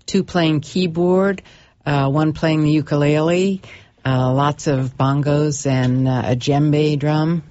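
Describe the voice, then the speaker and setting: A woman's voice: low voice, steady tone, slow, dark tone, dry recording, muffled recording. A woman university instructor answering radio interview questions hesitantly, with many ums.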